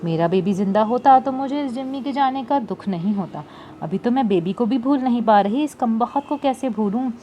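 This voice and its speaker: A woman's voice: a little high, lively intonation, normal speed, dull audio, slight background noise, pitched above the performer's own voice, close to an everyday voice. A woman voicing a lonely, grieving older woman who speaks plaintively in an audiobook. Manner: plaintive, tearful.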